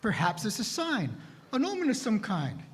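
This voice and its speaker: A man's voice: high-pitched, wildly swooping pitch, normal speed. A man playing an earnest villager who reads the new star as an omen, in a church skit, with a musing, thoughtful manner. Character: sleepless superstitious villager, sees omens. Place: church sanctuary. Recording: long church-hall reverb.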